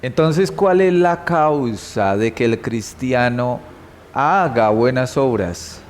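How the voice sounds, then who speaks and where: A middle-aged man with a Colombian Spanish accent leads a church Bible class. He talks at a slow, unhurried pace, reading verses aloud and turning to the room with questions. He repeats the key words so the class can follow. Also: mid-range voice, animated. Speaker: Bible teacher.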